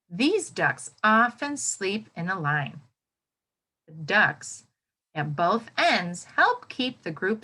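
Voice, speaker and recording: An American woman reads aloud to children like a teacher, exclaiming and asking her young audience questions as she comments on the story. Her voice is medium-pitched and bright, with a forceful tone and a breathy edge.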